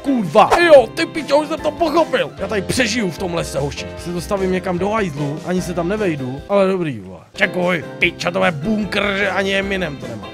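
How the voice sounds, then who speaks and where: A young man commentating a survival game, swearing constantly and bursting into shouts. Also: sits high, expressive, gravelly, hardly any pauses, over music. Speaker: gamer streamer.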